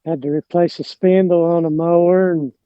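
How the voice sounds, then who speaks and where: A man's voice: fairly high pitch, steady tone, moderate pace, smooth, dry recording, lo-fi sound. A middle-aged man with an Appalachian mountain accent chatting casually, rambling and hesitant, often trailing off. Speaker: podcast guest, lawn care business owner. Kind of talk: casual chat.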